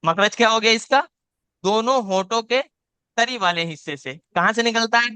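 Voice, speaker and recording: Bright, clear-voiced male Quran teacher. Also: high voice, moderate pace, no room sound. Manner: patient, repeats points, demonstrates each sound aloud. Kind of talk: live online class, teaching letter sounds. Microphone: video call.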